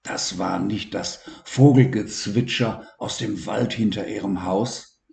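A male narrator reading a children's story slowly and deliberately. His voice is low and gravelly, and the room adds a clear echo. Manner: slow, calm and deliberate.

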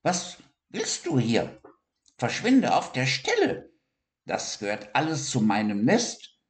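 A man voicing a prickly male hedgehog in a children's story, speaking in a high falsetto. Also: very animated, slow pace, gravelly, darkish tone, heavily acted. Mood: gruff. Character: prickly male hedgehog, gruff then sorry. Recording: roomy echo.

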